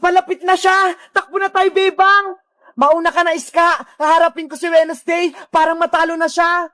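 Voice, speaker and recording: Squeaky, high-energy cartoon kid, woman voicing it, lots of yelling. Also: normal speed. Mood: excited. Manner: excited, shouting, high-energy. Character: frightened little girl Princess and her friends. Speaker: voice of all cartoon characters. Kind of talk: children's cartoon voice acting.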